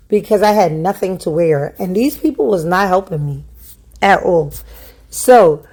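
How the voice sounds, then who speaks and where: A young adult woman telling a personal story in a casual, chatty storytime vlog, acting out what people said and laughing at herself. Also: lowish voice. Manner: chatty, animated, acts out quoted voices, laughs at herself. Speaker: vlogger telling a life story.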